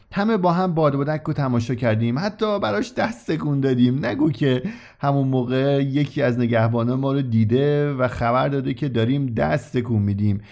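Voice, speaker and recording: A man's voice: on the high side, a little mellow. A man narrating a scripted story in the first person, speaking as a child.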